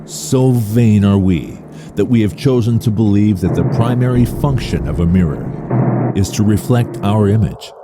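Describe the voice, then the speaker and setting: A man with a deep voice delivers scripted dramatic narration. He is solemn and deliberate, like a narrator on a spoken-word album. Clear background noise sits behind him. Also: expressive. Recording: noisy background ambience.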